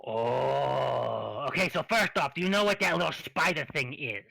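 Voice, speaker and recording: A man's voice: mid-range voice, animated, moderate pace, vocal fry, sharp tone, low-quality recording. A man running a tabletop game in a casual, jokey way, with some swearing. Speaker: game master.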